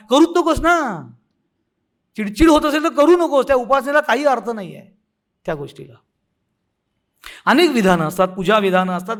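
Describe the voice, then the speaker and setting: A man's voice: extremely high pitch, a bit bright. A man, a spiritual teacher, giving a devotional discourse that mixes humorous parables with quoted saint verses and occasional laughs.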